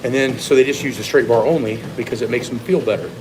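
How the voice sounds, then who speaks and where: A man's voice: mid-range voice, fairly even intonation, fast, background noise. A man giving a casual, opinionated, off-the-cuff training monologue as a strength coach, speaking bluntly. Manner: blunt, opinionated, occasional swearing. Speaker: strength coach and former competitive lifter.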